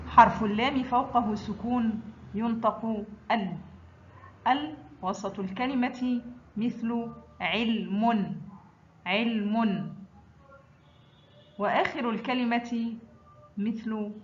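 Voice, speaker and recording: Slow, deliberate woman teaching pronunciation. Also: on the high side, lo-fi sound. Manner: says each sound twice, slow and stressed. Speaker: Arabic teacher. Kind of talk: slow, drilled pronunciation lesson.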